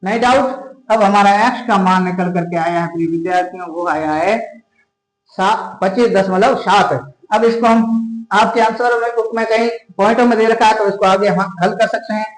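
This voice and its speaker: A man with a Rajasthani Hindi accent works through a classroom math lesson in a fairly high voice. He talks straight to his students and keeps asking whether they have any doubts. The sound has a roomy echo. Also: moderate pace. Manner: addresses students repeatedly, checks for doubts. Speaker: math teacher. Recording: echoey room.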